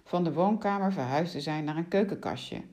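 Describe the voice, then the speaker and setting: A woman narrating a children's story aloud with expressive, animated delivery. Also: fairly low pitch, moderate pace.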